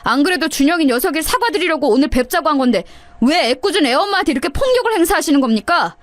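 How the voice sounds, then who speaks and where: A woman's voice: high-pitched, expressive, fast, no echo, pitched above the performer's own voice. Woman voicing a stiff, indignant brother-in-law.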